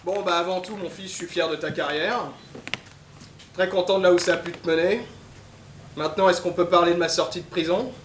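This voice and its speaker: A man's voice: high voice, fairly even intonation, fairly quick, natural voice. A man in a live improv show playing an exasperated imprisoned father who protests his innocence with hammy stage acting. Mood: wounded, bitter. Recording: echoey stage, distant mic, faint noise.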